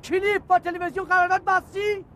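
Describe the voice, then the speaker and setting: A melodramatic despairing man, high voice. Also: little pitch movement, bright, forceful tone, a little hiss or hum. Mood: wary. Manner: melodramatic, pleading then bitter. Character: despairing, melodramatic man in debt threatening to jump. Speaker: indebted TV producer on a rooftop. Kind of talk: TV series acting. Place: outdoors on a rooftop in a city.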